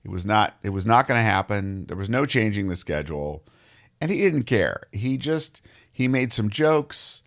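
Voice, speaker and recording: Man, 50s, show host, hoarse and distorted from a cold, gravelly, very low voice, rambling storyteller. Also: animated, normal speed, fairly bright tone. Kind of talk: solo podcast monologue.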